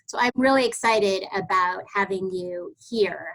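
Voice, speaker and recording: A woman hosting an online artist webinar over a video call, introducing her guest effusively with many pauses and fillers. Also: mid-range voice, fairly bright tone, rough recording. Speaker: host of online workshop. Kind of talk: webinar interview.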